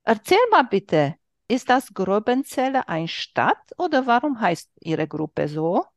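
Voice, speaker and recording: A woman's voice: medium pitch, sing-song, measured pace, no room sound, clean studio sound. A woman hosting a casual interview podcast, playful and chatty, with slightly broken German grammar. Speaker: podcast host.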